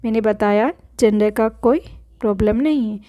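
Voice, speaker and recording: A woman's voice: fairly high pitch, moderate pace, dark tone. A woman teaching a spoken language lesson, patiently repeating each word and correcting pronunciation.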